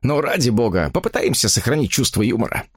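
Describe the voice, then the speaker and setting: A man's voice: medium pitch, animated, quick pace, breathy edge, no room sound, clean studio sound. A man voicing an impatient, vain man in an audiobook, brusque and dismissive.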